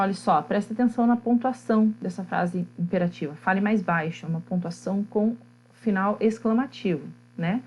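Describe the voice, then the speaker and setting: A woman's voice: mid-range voice, darkish tone, low-quality recording. Woman teacher with a Brazilian accent. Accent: Brazilian Portuguese. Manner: explanatory, often checks in with "tá?" and "né?"; many hesitant fillers while thinking. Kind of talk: recorded online class.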